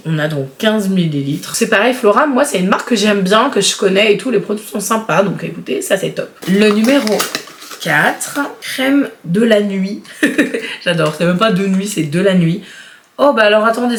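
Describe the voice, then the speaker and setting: A woman's voice: medium pitch, fairly bright tone. A woman in her thirties chatting casually and enthusiastically as she unboxes beauty products, with frequent fillers. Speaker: beauty vlogger. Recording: roomy echo.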